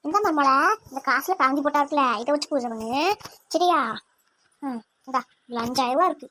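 A woman's voice: sits high, brisk, a bit bright. A woman voicing a fond, scolding middle-aged mother-in-law in a cartoon, with a Tirunelveli Tamil accent. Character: doting middle-aged mother-in-law, bossy with her son. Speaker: cartoon character.

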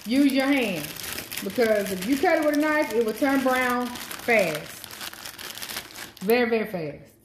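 A talkative woman walks her viewers through a home recipe, her voice a little high. She films on a phone held in one hand. There is clear kitchen noise in the recording, with a pan sizzling behind her. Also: expressive, unhurried. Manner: chatty, talks to viewers while cooking one-handed. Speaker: cooking vlogger. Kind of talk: casual cooking chat. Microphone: phone camera held in one hand.

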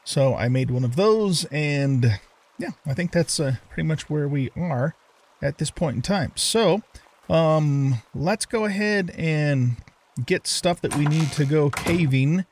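A man's voice: a little high, lively intonation, slow, darkish tone, slight background noise. An older man hosting a let's play, chatting casually and thinking aloud with lots of fillers as he plays. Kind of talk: casual gameplay commentary.

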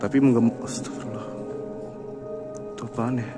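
A man's voice: medium pitch, flat delivery, fairly quick, loud music behind the voice. Out-of-breath Jakarta man, heavy cave echo. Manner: jittery, frightened, casual slang. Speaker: vlogger. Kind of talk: exploration vlog. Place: old underground cave tunnel. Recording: noisy cave recording.

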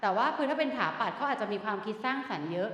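A middle-aged woman teacher running a lively classroom quiz game, coaxing students and calling them "child". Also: a little high, racing. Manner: animated, coaxing students, calls them "ลูก". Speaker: university teacher. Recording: echoey hall, long reverb.

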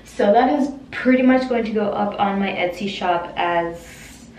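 A woman's voice: mid-range voice, unhurried, darkish tone, recorded from a distance. A young adult woman giving an informal, rambling vlog update, recorded in a small echoing bathroom. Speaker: vlogger. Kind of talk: casual chatty vlog update. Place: small closed bathroom, indoors. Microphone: camera a short distance away. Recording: echoey bathroom, some background noise.

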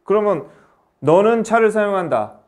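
Male English tutor, high-pitched, brisk, keeps quizzing the student. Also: animated. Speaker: English teacher. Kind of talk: grammar lesson.

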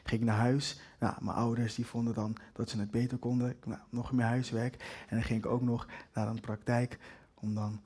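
A man's voice: mid-range voice, flat delivery, moderate pace, few pauses, a little mellow, slightly rough. A man in his late twenties telling a personal story on stage, reflective and wry, with frequent hesitations. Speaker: spoken-word performer. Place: live stage with an audience.

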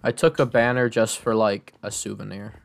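A man's voice: lowish voice, steady tone, moderate pace, creaky. Joking man chatting over a game. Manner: joking, playful, mutters reactions to the game. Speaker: Minecraft server player, channel host. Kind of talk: casual gaming chat.

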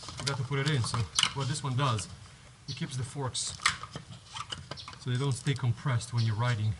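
With fairly even intonation and a moderate pace, this mid-range male voice comes through heavy background noise. He is a vlogger making a casual how-to outside on a home driveway next to a garage, using a head-mounted action camera, and he rambles, restarts sentences, and explains in steps.

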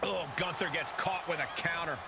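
A man's voice: fairly high pitch, steady tone, moderate pace, creaky. A man playing an earnest wrestling commentator in a video game, analysing the action in announcer phrasing. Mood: excited. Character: earnest male pro wrestling commentary partner. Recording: game audio under loud arena noise.

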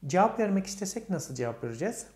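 Speaking fast in a high-pitched, very animated and slightly mellow voice, this male teacher breaks down English grammar step by step for Turkish learners. He answers his own questions to the class and voices English examples in a Turkish accent, all in an echoey room.

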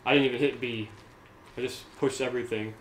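A man's voice: mid-range voice, steady tone, a little fast. A young man thinking aloud and rambling casually while he plays a game on a co-hosted gaming channel. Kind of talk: casual let's-play chat. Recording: roomy home recording with faint noise.

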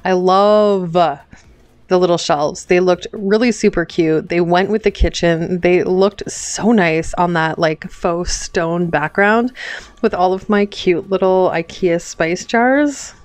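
Chatty woman with a smooth, dry voice. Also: fairly low pitch, slow, dry recording. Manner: chatty, many ums and likes, laughs often. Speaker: home DIY vlogger. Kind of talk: casual DIY tutorial chat. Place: home kitchen.

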